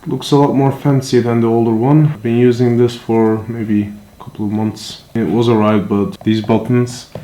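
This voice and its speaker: His mid-range voice is mellow and flat, running at normal speed with hardly any pauses. This product reviewer casually unboxes and demos things hands-on, musing aloud in an offhand way as he handles them, with echo and handling clicks and noise in the room.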